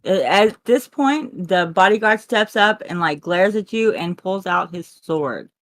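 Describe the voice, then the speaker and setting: A woman's voice: medium pitch, lively intonation, unhurried, no room sound. A woman running a tabletop role-playing game, narrating in a casual, playful way. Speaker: game master.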